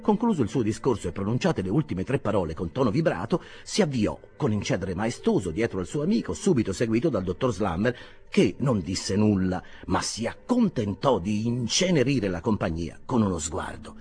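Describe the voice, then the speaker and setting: A man narrates a classic novel in a theatrical, storytelling manner. His voice is on the low side but very animated, rising and falling through the sentences. Faint music plays behind him. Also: normal speed. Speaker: audiobook narrator. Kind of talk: scripted narration, literary reading.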